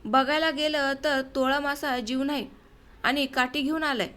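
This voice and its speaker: A woman's voice: high voice, fairly even intonation, a little slow, bright, forceful tone. A woman voicing a mocking village man, an older brother who taunts and sneers.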